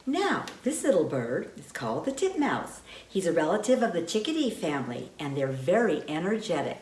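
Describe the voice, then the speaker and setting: A woman presenting birds to children, chatting in a slow sing-song way with bird puppets. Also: fairly low pitch, very animated, darkish tone. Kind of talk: children's educational talk. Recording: echoey room, mic far off, faint background hum.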